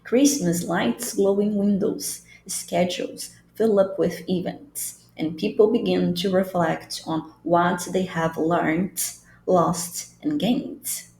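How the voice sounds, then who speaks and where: A woman teaches an online lesson in a dark, gravelly voice, taking her time. She is patient and explanatory and goes back over key phrases. The room around her rings with echo. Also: fairly low pitch, steady tone, takes it slowly. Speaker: English teacher. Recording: roomy echo, faint background noise.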